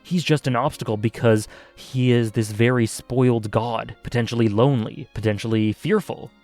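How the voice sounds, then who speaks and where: A man's voice: medium pitch, normal speed, darkish tone, soft background music. A man casually reviewing an anime arc, thinking aloud with many fillers and self-corrections.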